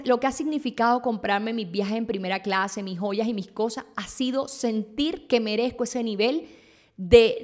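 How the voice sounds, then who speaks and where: A young woman hosting a podcast, talking straight to the listener in a casual, animated and confessional way. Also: a little high. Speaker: podcast host. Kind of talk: casual monologue.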